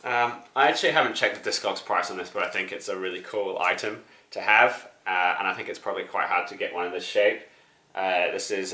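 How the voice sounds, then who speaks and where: Low-voiced man. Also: bright, forceful tone, roomy sound. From New Zealand. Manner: rambling, many fillers and restarts. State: out of breath, still sick. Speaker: record collector vlogger. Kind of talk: casual show-and-tell chat.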